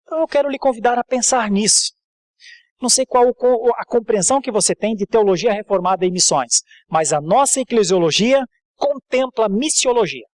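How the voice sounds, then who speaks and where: A man's voice: high-pitched, a little fast, no room sound. Man, Brazilian accent, church leader, sermon and informal introduction, repeated phrases, dry recording.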